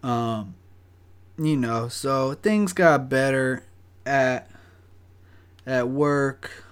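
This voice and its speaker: A young man rambles through a work story at an unhurried pace, his voice in an ordinary middle register. He swears often and loses himself in "uh" and "you know.". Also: medium pitch, clean tone. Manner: profane, rambling, full of fillers. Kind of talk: casual storytelling.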